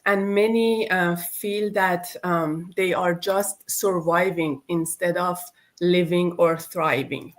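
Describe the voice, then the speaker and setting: A middle-aged woman hosting a live online talk show over a video call, speaking slowly with many ums and uhs. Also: fairly low pitch, steady tone. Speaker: host.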